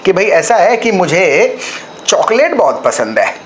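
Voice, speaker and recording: A man's voice: sits high, very animated, unhurried, slight background noise. A man teaching a spoken-English lesson, patiently explaining and checking in with his learner.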